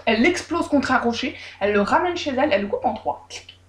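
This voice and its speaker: A woman casually retelling a folk tale with lively, irreverent, joking asides. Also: high-pitched, fast, noisy background. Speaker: storyteller. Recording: roomy echo.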